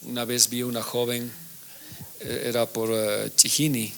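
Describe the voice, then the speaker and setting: A man preaching a sermon at a middle pitch, reading scripture aloud with rising force. He asks his listeners questions and answers them himself. A faint noise runs under his voice. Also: flat delivery, measured pace, vocal fry, fairly bright tone. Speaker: pastor teaching a Bible class.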